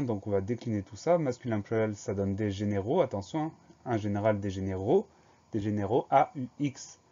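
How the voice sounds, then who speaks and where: A man's voice: medium pitch, dark tone, muffled recording. A man teaching a spelling dictation lesson, patiently spelling each word out letter by letter.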